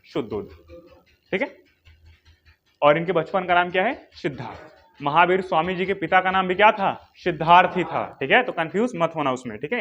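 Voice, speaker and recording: A man with a slightly high, somewhat bright voice runs a history coaching class. He asks questions and answers them himself, drills the key names through constant repetition, and dictates notes.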